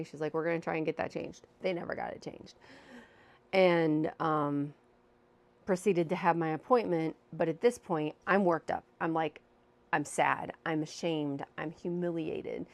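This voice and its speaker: A woman's voice: on the low side, a little mellow. A woman telling a personal story in a casual, candid vlog, speaking into a microphone with a windscreen at home. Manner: chatty, candid, self-deprecating. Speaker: vlogger. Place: home room with a fan running. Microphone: new microphone with windscreen.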